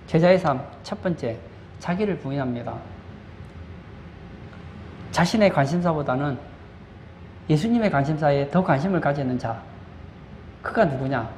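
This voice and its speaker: A man's voice: a little high, animated, normal speed, pauses often, a little mellow. A male pastor delivers a sermon in a church sanctuary, asking the congregation rhetorical questions and answering them himself. He leans on repeated phrases for emphasis. The room echoes noticeably, with a faint hum of background noise.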